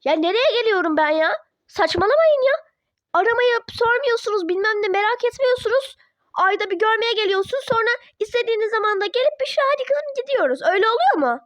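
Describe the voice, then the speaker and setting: A woman's voice: extremely high pitch, expressive, fast talker, few pauses, no room sound, clean studio sound. A woman voicing a defiant teenage girl who argues with her parents in a toy-app role-play drama. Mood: indignant. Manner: indignant, argumentative.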